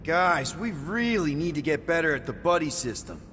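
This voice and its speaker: A man's voice: fairly high pitch, big pitch swings, normal speed, background noise. A man voicing a cocky, wisecracking space adventurer in a video game, with casual, sarcastic banter. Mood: wry, casual.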